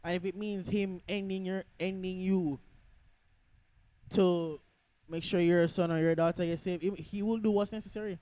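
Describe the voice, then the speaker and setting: A young Jamaican man with a fairly high voice chats on a faith podcast, slangy and a little tired. He builds into rhythmic preaching runs. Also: fairly even intonation, moderate pace, dark tone, no echo. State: tired, yawning. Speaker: podcast co-host. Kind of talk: casual faith podcast chat.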